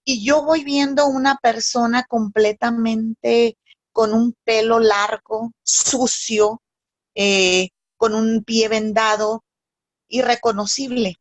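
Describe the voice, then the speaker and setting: Woman telling a halting personal story. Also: on the high side, steady tone, no room sound. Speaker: speaker on addictions. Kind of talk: personal anecdote in a talk.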